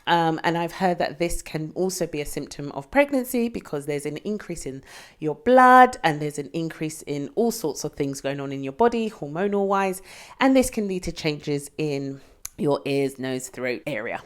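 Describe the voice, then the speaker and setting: A young British woman, pregnant and often out of breath, candidly chatting to camera in a casual vlog. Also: low-pitched. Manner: chatty, candid, with frequent fillers. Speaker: vlogger.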